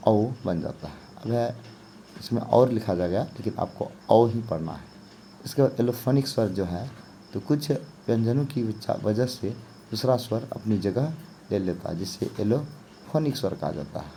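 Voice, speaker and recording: Lower-voiced male teacher, mellow tone. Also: slight background noise. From India. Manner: explanatory, repeats "ठीक है" and "जो है आपका". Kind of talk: exam-prep grammar lesson.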